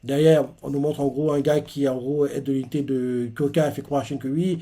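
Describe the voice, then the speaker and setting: A man's voice: mid-range voice, fairly even intonation, brisk, warm tone. A man casually recapping a manga chapter, rambling with constant filler words. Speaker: manga reviewer.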